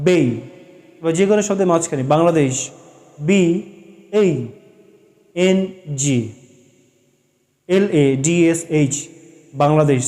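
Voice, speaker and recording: A man with a Bengali accent teaching pronunciation, slowly spelling out and repeating sounds and mixing in English phrases. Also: a little high, a little mellow. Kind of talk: classroom-style lesson.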